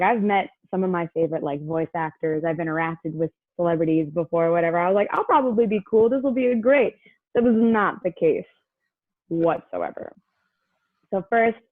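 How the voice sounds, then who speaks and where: A young woman, appearing as a guest, tells a personal story casually and chattily, peppering it with "like" and acting out quotes. Her voice is on the low side, coming through a dry, tinny, phone-like line with no echo.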